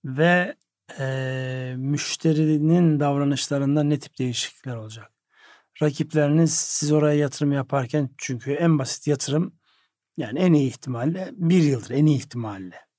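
Male discussant, warm mellow tone, challenging and questioning, dry close sound. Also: on the high side, moderate pace, dry recording. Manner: probing, pushes back with pointed questions. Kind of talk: analytical discussion.

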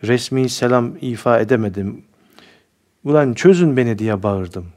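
A man's voice: fairly low pitch, measured pace, darkish tone, lightly acted. A man voicing a cheeky rustic young soldier. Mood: spirited. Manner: rustic folksy speech, boastful storytelling.

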